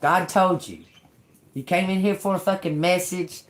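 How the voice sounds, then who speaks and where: A woman's voice: lowish voice, steady tone, moderate pace, slight background noise. A woman in her fifties doing a tarot reading for viewers in an emphatic, chatty way, calling them y'all. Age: 50s. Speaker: tarot reader.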